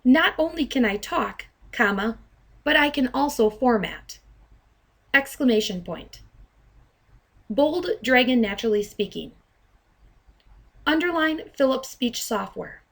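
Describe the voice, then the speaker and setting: Over a screen recording, a woman narrates a software demo in her role as trainer. Her voice is fairly high, expressive, and gravelly, and she teaches deliberately, pronouncing every dictated command distinctly.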